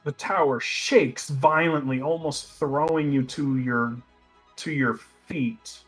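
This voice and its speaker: A man narrating a tabletop fantasy game as game master, halting and restarting his phrases as he describes. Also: fairly high pitch, soft background music.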